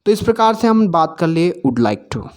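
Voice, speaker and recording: A man teaching spoken English, saying example phrases slowly and often checking in with his listeners. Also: fairly high pitch, sing-song. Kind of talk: explaining example sentences in a lesson.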